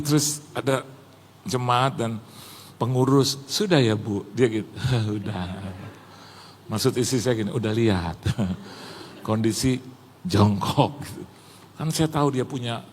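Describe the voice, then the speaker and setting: A man's voice: medium pitch, a little mellow, a little hiss or hum. A man in his sixties preaching a sermon, telling humorous stories and acting out the voices of the people in them. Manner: storytelling, acting out quoted voices, addresses congregation as Saudara. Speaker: pastor. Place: church service.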